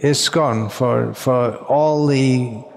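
A man giving a measured religious lecture in short phrases, pausing and repeating words while an interpreter follows. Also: medium pitch, gravelly. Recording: long hall reverb.

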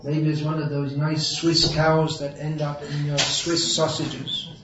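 A man's voice: on the high side, flat delivery, measured pace, heavy background noise. A man giving a sermon to an audience, wry and sarcastic, then earnest and emphatic. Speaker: preacher. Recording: roomy echo, distant mic, dull sound.

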